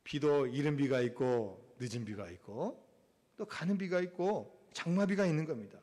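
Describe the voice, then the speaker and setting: High-voiced preaching man, echoing hall. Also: expressive, moderate pace. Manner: preaching, acts out quoted voices, swings from loud to hushed. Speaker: pastor. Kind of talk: sermon. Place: church sanctuary. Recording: long reverb of a church hall.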